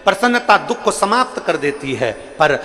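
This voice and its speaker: A man preaching a devotional sermon in a fairly high, sharp and bright voice, repeating his lines for emphasis and slipping into character voices for his stories. His voice carries a long hall reverb, with faint music underneath. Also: sing-song, normal speed. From India. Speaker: kathavachak preacher.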